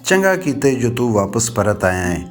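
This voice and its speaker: A man reading a novel aloud, voicing an elderly, grieving village aunt who speaks quietly and with resignation. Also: medium pitch, sing-song, normal speed, soft background music, close to an everyday voice. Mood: sorrowful.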